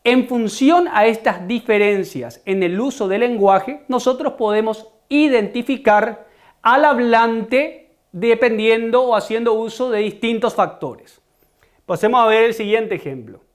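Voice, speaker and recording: A man's voice: very high voice, unhurried. A man with a Paraguayan Spanish accent giving an online school lesson, explaining terms and speaking straight to his students. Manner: explanatory, stresses key terms, addresses students directly. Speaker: teacher.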